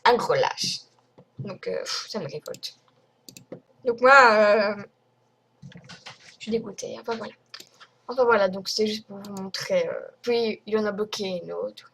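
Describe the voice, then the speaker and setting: A woman's voice: mid-range voice, unhurried, long pauses, a bit bright, a little hiss or hum. A young woman from France ranting to her viewers in a rambling, indignant way, full of fillers. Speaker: vlogger. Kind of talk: casual screen-recorded rant.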